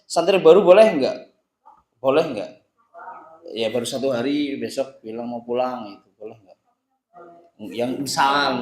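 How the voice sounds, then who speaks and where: A man in his thirties, an Islamic boarding school teacher giving informal advice to students, teasing them with questions and tagging his sentences with "ya". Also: medium pitch. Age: 30s. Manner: playful, teasing the audience with questions; frequent "ya" tags and hesitations. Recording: roomy echo.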